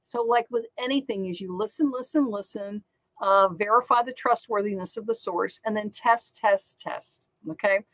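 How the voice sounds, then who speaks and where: Upbeat middle-aged lady chatting about selling, lots of ums and repeats, mid pitch, dry sound. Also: normal speed, fairly bright tone, no room sound, rough recording. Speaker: online selling coach and channel host. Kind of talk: casual talk to camera.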